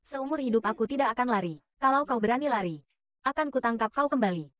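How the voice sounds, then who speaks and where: A woman's voice: fairly high pitch, expressive, fast talker, a bit bright, no echo. A woman dubbing a short drama, voicing all the roles in her own everyday voice. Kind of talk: dubbed short drama dialogue.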